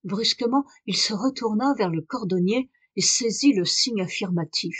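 A woman's voice: medium pitch, slightly rough. Woman reading a novel aloud. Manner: measured, expressive reading. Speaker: audiobook reader. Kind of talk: scripted literary narration.

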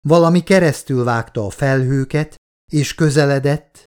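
A man reading a novel aloud as an audiobook narrator, in a steady, measured way. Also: mid-range voice, clean tone. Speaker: audiobook reader. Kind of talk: scripted narration.

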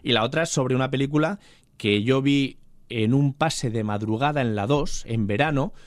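A man's voice: medium pitch, moderate pace, dry recording. Guy gushing about old movies on a podcast, dry close sound. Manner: enthusiastic storyteller. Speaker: podcast co-host. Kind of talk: casual chat about films.

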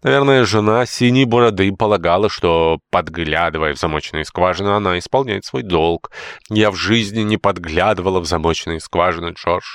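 A fussy, indignant old nanny-housekeeper from an audiobook scolds and pleads in a high, shrill way, as a male narrator puts her on. The sound is dry and close, with no room around it. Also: moderate pace, fairly bright tone, no room sound. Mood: aggrieved.

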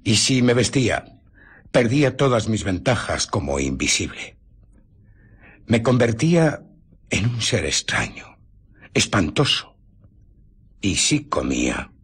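An actor playing a bitter fugitive invisible scientist in a radio drama, in Castilian Spanish, with a rough voice and dramatic, heavy pauses. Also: male voice, on the low side, sing-song, fairly bright tone, full character voice. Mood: bitter, aggrieved. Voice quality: husky, rough. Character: Griffin, bitter invisible male scientist on the run. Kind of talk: Spanish radio drama acting, recounting his ordeal.

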